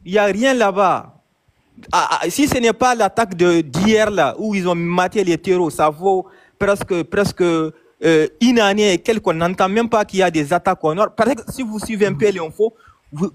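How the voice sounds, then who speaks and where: A man's voice: high voice, normal speed. A man from Mali calling in, talking insistently with many hesitations and repetitions. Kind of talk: casual chat, phone-in debate.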